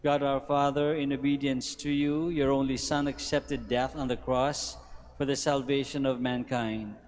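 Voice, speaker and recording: A man recites liturgical prayers in a measured, solemn cadence at an ordinary middle pitch. His voice rings through a large church, trailing a long cathedral echo. The prayers come steady and unhurried. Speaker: priest leading prayers.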